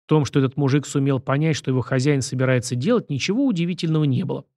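A man's voice: medium pitch, very fast, mellow, no room sound. Man narrating an audiobook, dry sound. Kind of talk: scripted narration.

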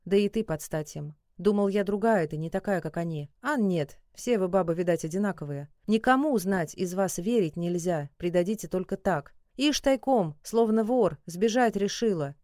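A proud young prince, grim and resentful, accuses through gritted teeth, voiced by a woman reading the tale. Her warm, mellow tone stays close and dry on the mic. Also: medium pitch, dry recording, natural voice.

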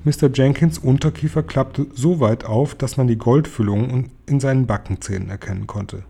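A man reading a children's story aloud in a steady storytelling manner. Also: mid-range voice, moderate pace, creaky, husky. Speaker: narrator. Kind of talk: audiobook reading.

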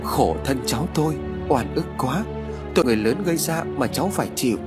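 A man's voice: medium pitch, expressive, fairly quick, loud music behind the voice, voice pushed up, close to an everyday voice. A male narrator voicing a grieving old grandmother who laments her grandson. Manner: wailing, lamenting.

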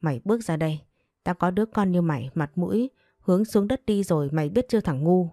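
A woman voicing a furious, breathless old village father who scolds his son with shouted insults, in a read-aloud story. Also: lowish voice, animated, fast talker, dry recording, studio quality. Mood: furious scolding.

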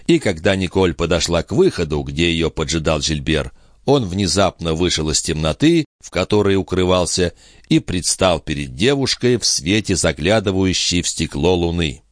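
Man reading a novel aloud, expressive, kinda low voice, dry recording. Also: moderate pace, no room sound. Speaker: audiobook narrator. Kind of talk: scripted narration.

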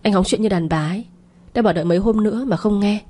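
A woman's voice: medium pitch, fast talker, warm tone, natural voice. A woman voicing a scheming, pregnant young mistress who is snappish and bossy on the phone in an audio story.

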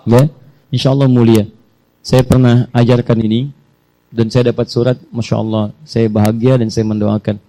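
A man's voice: mid-range voice, little pitch movement, normal speed, dark tone. A male preacher giving a fervent sermon. He repeats words in waves and breaks into spoken prayers.

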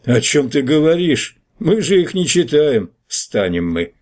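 A rude, scrawny newspaper clerk, put on by a male reader, brash and dismissive. His voice sits noticeably higher than the reader's own and swings up and down. A slightly husky edge stays underneath. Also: sing-song, measured pace, darkish tone. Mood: mocking.

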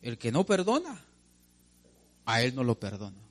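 A man's voice: medium pitch, wildly swooping pitch, moderate pace, fairly bright tone. A male preacher delivering a sermon, emphatic and direct, putting questions to the congregation and calling them brother.

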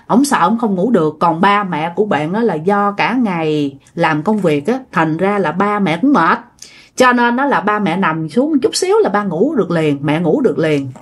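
A woman telling a ghost story in an animated way, speaking directly to her listeners. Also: medium pitch, slightly rough.

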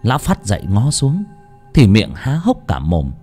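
A man narrating a story in an unhurried, dramatic way. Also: on the low side, wildly swooping pitch, mellow, faint music behind. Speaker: audiobook narrator.

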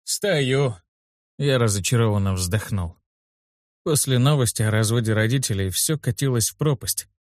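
A man reading a first-person audiobook in a steady, wry storytelling manner on a close studio mic. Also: fairly low pitch, moderate pace, no echo. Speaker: audiobook narrator.

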